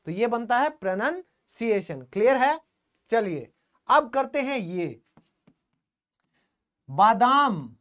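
A man teaching English in an online classroom lesson. He asks the class questions, answers them himself, and repeats the key words. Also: extremely high pitch. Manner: calls the viewers "friends" often and repeats key words.

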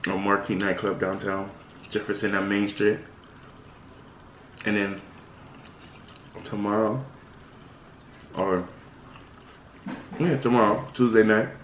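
A man's voice: fairly low pitch, roomy sound, a little hiss or hum, poor audio. A man from the Caribbean, a vlogger and DJ, chatting casually and rambling between bites, talking while eating. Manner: relaxed, rambling, with food murmurs. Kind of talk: casual mukbang vlog chat.

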